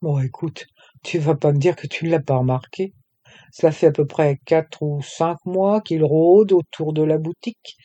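A man's voice: on the high side, fairly even intonation, normal speed, warm tone, dull audio, lightly acted. A man voicing a playful, teasing young woman who runs a clothing shop with her friend. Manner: teasing, bold.

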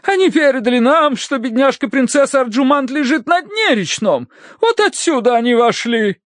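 A swooning, melodramatic society lady, as a male audiobook reader puts her on, fluttery and theatrical, stretching her words out. The voice is pitched far above the reader's own and swings widely, recorded close and dry. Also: sing-song, no echo, exaggerated voice. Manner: fluttery, theatrical, drawn-out sighs. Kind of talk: audiobook character voice.

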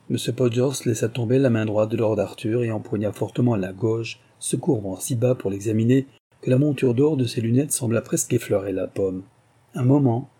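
A male audiobook narrator reads in a measured, literary manner. His voice is very dark and mellow, with a husky grain. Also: mid-range voice. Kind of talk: scripted narration.

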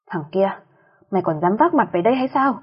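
A woman voicing an elderly mother-in-law who turns from gentle pleading to scolding, with a breathy voice. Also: mid-range voice, brisk, dull audio, close to an everyday voice. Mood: furious. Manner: scolding, raised voice. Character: stern elderly mother-in-law, tender then furious.

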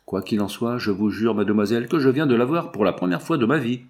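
A man's voice: mid-range voice, quick pace, a little mellow, natural voice. A man reading the part of an earnest young male baron and fiancé in an audiobook, protesting his innocence.

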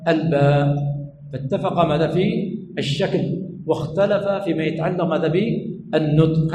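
Quick, high-voiced male teacher in echoey room. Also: dark tone, a little hiss or hum. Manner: repetitive, asks the class "what?" and completes the answer himself. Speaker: sheikh teaching hadith terminology. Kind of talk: classroom lesson. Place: lecture room at a religious study center.

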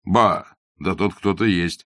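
A man's voice: low voice, takes it slowly, a bit bright, no echo, clean studio sound, heavily acted. A man voicing a blunt young doctor who is curt, ironic and matter-of-fact in an audiobook. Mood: wry. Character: blunt young male doctor, mocking and self-assured.

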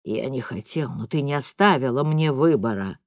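A woman voicing an angry father who talks slowly and coldly in a lowered voice during a family argument, read as an audiobook. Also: expressive, darkish tone, no room sound, studio quality. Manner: slow, low and measured. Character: stern, cold middle-aged father in a fight.

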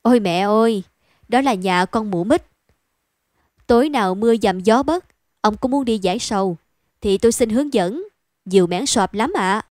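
A woman's voice: medium pitch, animated, moderate pace, pauses often, darkish tone, no echo, studio quality, close to an everyday voice. A woman reading a story aloud, voicing a jovial, crude male butcher who jokes heartily. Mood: joking. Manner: hearty, joking.

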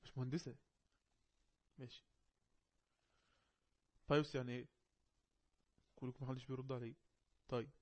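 A man's voice: medium pitch, flat delivery, a little mellow. Egyptian man teaching English online. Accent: Egyptian Arabic. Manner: reads English text slowly, explains quickly in Arabic.

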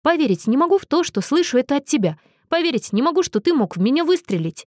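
Proud young nobleman, read by a woman, urgent, quick, raised pitch, audiobook. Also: lively intonation, dry recording, studio quality. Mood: agitated. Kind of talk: audiobook character voice.

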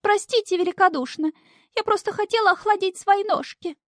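Woman putting on a squeaky imp in disguise. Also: fairly quick, no echo, studio quality. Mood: coy squeaky. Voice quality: squeaky, thin. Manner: coy, wheedling, fussy.

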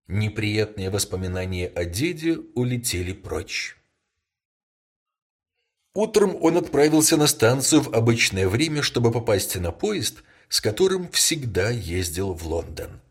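A man narrating a story as an audiobook in a steady storytelling manner. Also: on the low side, unhurried, breathy edge.

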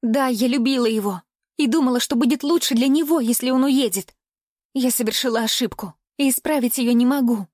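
A woman's voice: a little high, a little fast, darkish tone, no echo. A woman narrating a first-person audiobook in an emotive storytelling manner, close to the mic.

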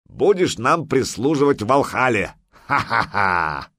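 A man playing a booming, boastful viking warrior. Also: expressive, a little slow, dry recording, clean studio sound. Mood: defiant. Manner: loud, scoffing, boastful. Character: boastful huge male viking warrior, mocking, fearless.

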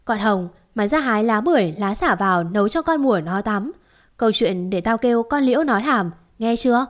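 A woman's voice: on the high side, animated, brisk, close to an everyday voice. Blunt older aunt giving orders, read by a woman. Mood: stern.

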